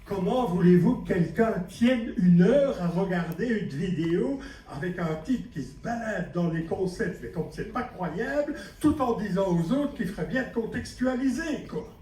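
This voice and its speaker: Animated and warm, a Belgian man speaks in a high voice at normal speed with few pauses as he gives a conference talk to teachers. He's talkative, teases himself, and often questions the audience, while a distant mic captures hall echo and faint noise.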